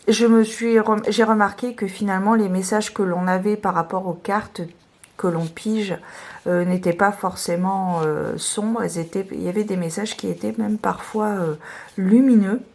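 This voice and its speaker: A woman presenting her tarot decks in a casual video, talking hesitantly with many fillers and restarts, a little hoarse. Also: mid-range voice, steady tone, a little slow, a little mellow. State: slightly hoarse, clearing her throat.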